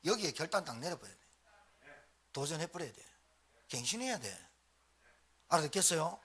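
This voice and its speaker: With a fairly high, sing-song voice that is fairly bright and has a breathy edge, a male pastor preaches at normal speed. The setting is a live church service in the sanctuary, where he rouses the congregation with short repeated phrases and calls for response.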